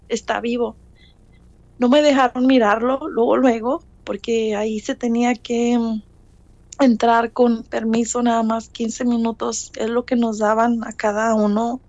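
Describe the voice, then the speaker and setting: A woman's voice: on the high side, darkish tone, no echo, dull audio. A middle-aged woman giving a personal faith testimony, telling her story earnestly and repeating phrases for emphasis.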